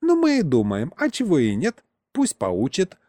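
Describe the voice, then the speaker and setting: A man's voice: fairly high pitch, huge pitch swings, moderate pace, a little mellow, dry recording, studio quality, pitched above the performer's own voice. A man reading an audiobook, voicing a crafty, boastful old retired miner who rambles folksily through his tales. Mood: yarn-spinning. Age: older.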